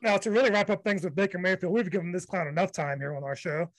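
A man's voice: high-pitched, fairly even intonation, fast talker, no echo, poor audio. A man hosting a sports podcast, talking bluntly and dismissively in casual chat and steering the segments. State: low energy from fasting. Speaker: podcast host.

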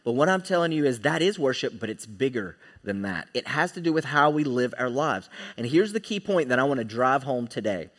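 A man's voice: medium pitch, expressive, a little fast, hardly any pauses, fairly bright tone. A man preaching a sermon in church, emphatic and often checking in with his listeners. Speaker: pastor.

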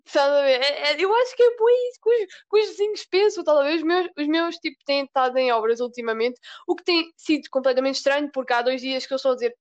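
A teenage girl from Portugal with a European Portuguese accent, chatting casually and telling stories with lively mimicry. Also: sits high, fast, hardly any pauses. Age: teens. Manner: animated storytelling, mimics voices in quotes. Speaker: student. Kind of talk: casual chat.

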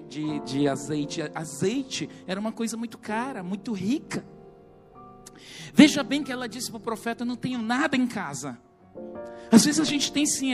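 A man preaching a sermon in a church service, telling stories in an animated way and calling on the congregation to respond. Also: very high voice. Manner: animated storytelling, calls on the congregation.

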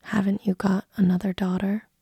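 A woman's voice: medium pitch, little pitch movement, moderate pace, warm tone, slightly rough, no room sound, clean studio sound. A woman whispering the lines of a determined young prince who insists on his bride. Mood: insistent.

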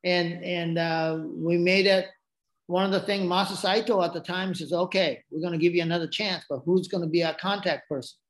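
A podcast guest, a native Japanese speaker with a Japanese accent, tells casual stories in a high, steady voice at a brisk clip. He rambles, restarting often and going off on asides, and the recording has an echo.

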